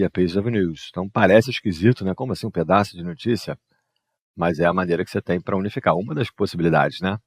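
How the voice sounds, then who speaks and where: This is a man, walking students through exercise answers as their English teacher. His voice sits very low, and he speaks patiently, often adding "né" and "ó" as he explains. The sound is close and dry, with no room echo. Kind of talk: explaining exercise answers over a screen share.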